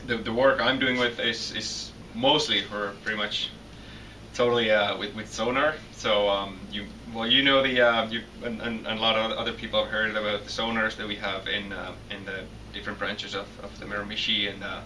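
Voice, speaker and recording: Young Finnish-accented male grad student, bright tense tone, stumbling answers, distant mic with faint hiss. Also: lowish voice, level tone, a little fast. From Finland. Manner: hesitant, many restarts and repeated words. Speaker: PhD student guest. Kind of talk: interview answers.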